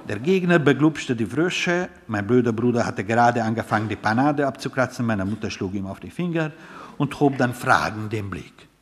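A man reading a literary story aloud in a measured, wry storytelling manner. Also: medium pitch, animated. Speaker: narrator.

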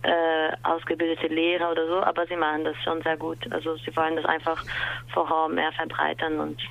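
A woman in her twenties with a Brazilian accent, answering a live interview as a dance teacher in halting German and laughing often. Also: sits low, monotone, creaky, lo-fi sound. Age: 20s. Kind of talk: live interview over a call.

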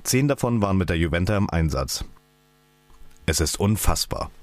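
An activist reads out a scripted political statement in a deep, animated voice. He speaks at a normal speed.

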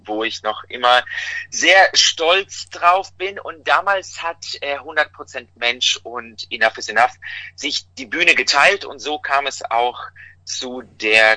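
A man from Russia, a singer and music teacher, answering interview questions in a measured, earnest way. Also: mid-range voice, sharp tone, no echo, rough recording.

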